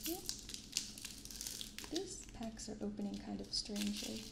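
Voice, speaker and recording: In a soft, gentle, unhurried way, a woman in her 20s chats casually while unboxing cards for her ASMR channel. Her mid-range voice is animated and carries a good deal of vocal fry. The binaural recording sounds roomy, with clear background noise.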